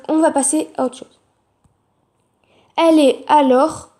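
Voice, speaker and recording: A young woman with a mellow voice pitched a little high chats in a fan vlog. She reads from a draft, halting, restarting words and apologizing for slips. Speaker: fan vlogger. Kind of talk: casual vlog reading from notes.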